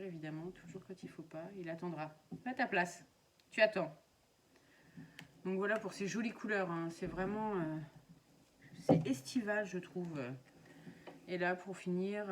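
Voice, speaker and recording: A woman's voice: on the low side, a little slow, darkish tone. Woman, casual home vlogger, chatty and hesitant, noisy home recording. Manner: chatty, many hesitations, talks to viewers. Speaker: craft vlogger. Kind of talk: casual unboxing chat.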